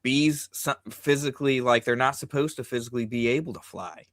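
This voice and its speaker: Bright-voiced guy co-hosting, playful, lots of teasing questions. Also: mid-range voice, brisk, dry recording. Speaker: podcast co-host. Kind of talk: casual chat.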